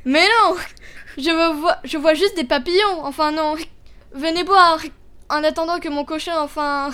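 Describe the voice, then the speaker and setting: A woman's voice: high voice, unhurried, sharp tone, voice pushed up. A woman voicing a drunk, scatterbrained peasant wife in a storybook reading, with rambling, muddled speech. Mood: tipsy. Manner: slurred, rambling, muddled words.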